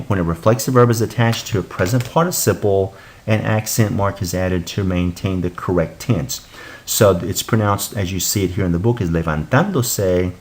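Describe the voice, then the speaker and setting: A man's voice: lowish voice, slight background noise. A man teaching a recorded Spanish lesson, patiently explaining and repeating examples before translating them.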